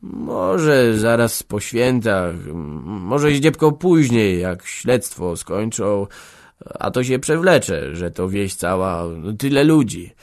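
A man reading aloud who voices a weary old man, speaking gently, soothingly and a little evasively. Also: on the low side, lively intonation, moderate pace. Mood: reassuring.

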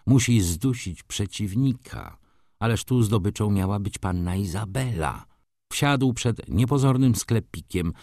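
A man narrating a novel as an audiobook in measured, expressive storytelling. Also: on the low side, dry recording, studio quality. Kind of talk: scripted narration.

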